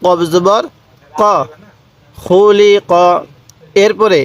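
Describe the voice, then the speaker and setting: Slow high-voiced man teaching Arabic letters. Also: fairly even intonation. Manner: slow, drawn-out syllable-by-syllable spelling; prompts the viewer to repeat along. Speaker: Quran reading teacher. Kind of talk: step-by-step recitation lesson.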